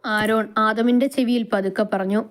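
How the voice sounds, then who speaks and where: A woman's voice: a little high, steady tone, normal speed. A woman with a Malayali accent narrating a romance story aloud, reading it dramatically and giving each character a voice.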